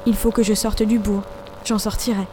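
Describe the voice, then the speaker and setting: A woman's voice: medium pitch, level tone, moderate pace, mellow, slight background noise, natural voice. A woman reading the part of a frantic young male count in an audiobook, speaking in anguished, desperate bursts over music.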